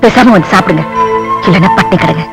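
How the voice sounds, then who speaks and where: A woman's voice: fairly low pitch, fast, close to an everyday voice, low-quality recording. An actress playing a stern motherly woman who scolds but feeds the young men. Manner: gruff, scolding. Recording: film soundtrack with music.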